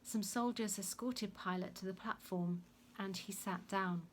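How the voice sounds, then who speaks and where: A woman narrates a Bible story at an even, moderate pitch. Her delivery is measured and deliberate, like a scripted reading, and a faint noise sits beneath her voice. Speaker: reader.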